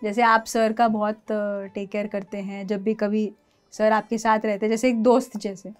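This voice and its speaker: Female interviewer, mid pitch, brief supportive prompts. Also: flat delivery, moderate pace, faint music behind.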